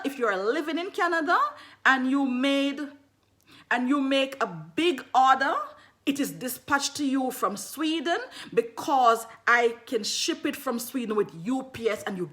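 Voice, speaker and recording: On a casual livestream, a lively Jamaican herbalist sells skincare in a high voice at an unhurried pace. She is animated, repeats phrases, and greets viewers mid-sentence.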